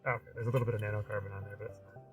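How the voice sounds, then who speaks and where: A man's voice: on the low side, flat delivery, very fast, distant mic, over music. A man streaming a game and chatting casually, with his voice run through an AM radio filter. He rambles and leans on "you know" a lot. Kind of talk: casual gameplay commentary.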